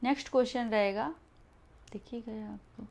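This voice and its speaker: Female teacher, slightly high voice, explains patiently, repeats key answers. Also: steady tone, normal speed, darkish tone. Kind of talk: exam-prep Hindi grammar lesson.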